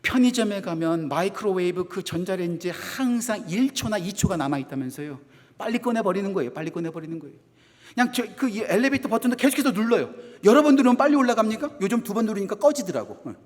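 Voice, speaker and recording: A middle-aged Korean man preaching a sermon. He talks fast, repeats phrases for emphasis, and moves between loud exhortation and hushed asides. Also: sits high, expressive. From South Korea. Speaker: associate pastor. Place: church sanctuary. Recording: long hall reverb of a church.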